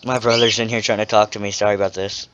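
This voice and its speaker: A man's voice: on the low side, little pitch movement, fast talker, heavy background noise. Teen male co-player, slight lisp, rambling and giggly, lo-fi recording. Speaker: co-player guest. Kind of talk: casual game chat. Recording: dull, muffled mic.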